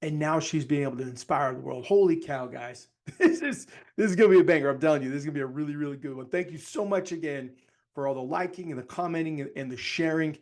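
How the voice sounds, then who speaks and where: A man hosting a podcast, giving an excited intro and talking straight to his listeners. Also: on the high side, fast talker. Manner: hyped, addresses listeners directly. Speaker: podcast host. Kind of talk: show intro monologue.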